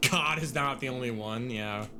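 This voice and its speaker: A man's voice: medium pitch, big pitch swings, unhurried, music in the background. A man doing casual, jokey gaming commentary as a let's play host, full of slang.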